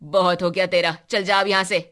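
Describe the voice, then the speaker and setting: A woman voicing a teenage boy who speaks low and snaps when teased, in a cartoon story. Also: fairly bright tone. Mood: angry. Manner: low and sulky, quick to snap. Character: teenage boy, proud, touchy about home.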